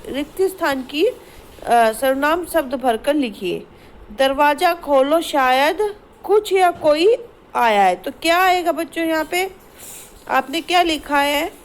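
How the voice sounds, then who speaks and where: A woman teacher walks her pupils through a grammar exercise, asking questions and reading each example sentence slowly. Her voice sits high, and a faint background noise runs under the recording. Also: rough recording. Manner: explains patiently, asks the class questions, reads sentences slowly. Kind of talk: Hindi grammar lesson to schoolchildren.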